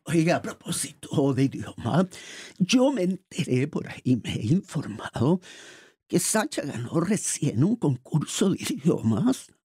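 Lively rambling talk show host, man. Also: a little high, a little slow, slightly rough, dry recording, studio quality. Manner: lively, rambling, many fillers. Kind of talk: casual studio talk show. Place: studio.

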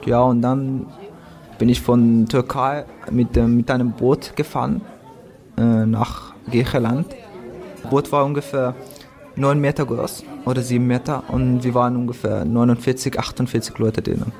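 A teen boy as a quiet hesitant newcomer. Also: medium pitch, little pitch movement, close to an everyday voice. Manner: slow, simple, hesitant German with fillers. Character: quiet newcomer schoolboy, refugee, polite. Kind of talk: amateur school drama.

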